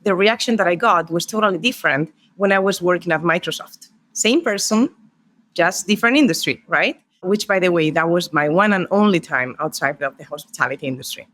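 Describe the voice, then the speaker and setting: A middle-aged woman with a Spanish accent talks as a podcast guest. She tells her stories warmly and lays out her points one by one. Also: fairly low pitch, fairly quick. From Spain. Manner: warm storytelling, counts off her points. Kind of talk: podcast interview.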